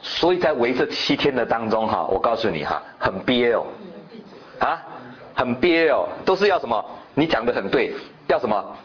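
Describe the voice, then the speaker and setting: A male preacher giving a sermon in an animated way, peppering his listeners with rhetorical questions, on a dull lo-fi recording. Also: medium pitch, moderate pace. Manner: animated, quizzing the congregation with repeated rhetorical questions.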